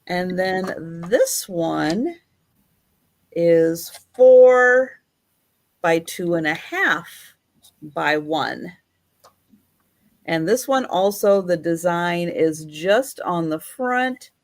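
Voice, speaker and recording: A woman hosting a live sale as the auctioneer, describing items in an unhurried, chatty, measured way. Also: fairly low pitch, expressive.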